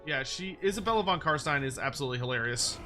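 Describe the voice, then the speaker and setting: Bright-voiced man commentating a game, music behind. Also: on the high side, expressive, quick pace. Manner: wry, playful, swears casually. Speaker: game streamer. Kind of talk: casual gameplay commentary.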